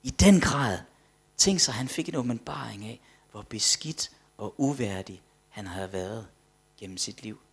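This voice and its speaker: A man preaching a sermon with emphatic delivery, swinging between loud declarations and hushed asides, often repeating words as he builds a point. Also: lowish voice, creaky, breathy edge.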